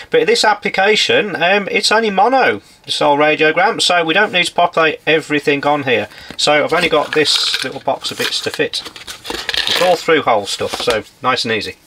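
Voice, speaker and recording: This electronics repairer, a man in his forties, talks informally through his work at an indoor workshop bench as he films a demonstration video. He speaks a little fast in a fairly high, sharp voice, with a slight hiss or hum audible.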